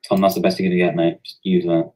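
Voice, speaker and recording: A man's voice: low-pitched, level tone, a little fast, mellow, a little hiss or hum, poor audio. A young man at a casual line-reading session for a fan dub, joking, swearing and fumbling his lines. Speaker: fan voice actor.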